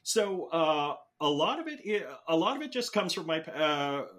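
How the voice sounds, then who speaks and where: A man's voice: on the high side, very animated, unhurried, fairly bright tone. Talkative fifties guy from the philippines, lots of ums and restarts, casual interview. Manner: chatty, rambling with many fillers and restarts. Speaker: guest.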